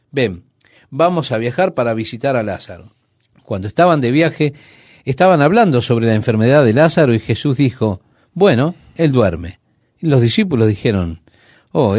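A man preaching a sermon. He retells a Bible story in a conversational way, asks the listeners rhetorical questions and slows down to stress key sayings. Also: medium pitch, a little mellow, dry recording, studio quality.

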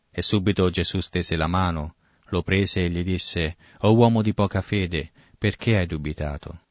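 A man's voice: low voice, no room sound, lo-fi sound. A man preaching a sermon, reading scripture and explaining it, now and then acting out the quoted lines. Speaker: pastor. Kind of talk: sermon, Bible exposition.

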